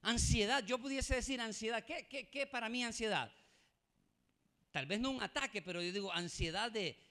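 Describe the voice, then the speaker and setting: A Salvadoran-accented man preaches to his congregation with a fairly high voice. He talks to the room like a friend, calls them "hermano" again and again, and laughs at his own stories. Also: moderate pace, pushed and bright. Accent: Salvadoran Spanish. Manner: conversational preaching, often addresses listeners as "hermano", laughs at his own jokes. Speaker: pastor. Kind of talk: sermon. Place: church.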